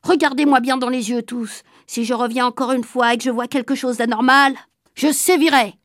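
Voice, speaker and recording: A woman reading aloud, voicing a stern, exasperated grown man who supervises schoolchildren, scolding loudly. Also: sits high, steady tone, moderate pace, no echo, clean studio sound. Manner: scolding, loud and harried.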